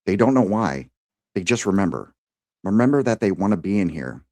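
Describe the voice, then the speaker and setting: A man reading aloud as a grim man survivor under siege, grave and measured in a dramatic reading of film lines. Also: low-pitched, sing-song, a little mellow, dry recording, pitched above the performer's own voice.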